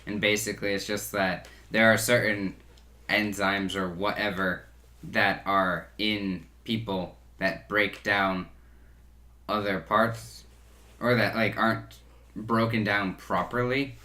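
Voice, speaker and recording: A young man with a low voice co-hosts a casual podcast in an echoey room. He explains his points in a measured, steady way. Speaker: podcast co-host. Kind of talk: casual chat.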